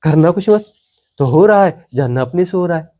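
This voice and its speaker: A man giving a satsang discourse as a spiritual teacher, emphatic and repetitive, drawing phrases out and letting them sink to a hush. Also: fairly high pitch, animated, normal speed.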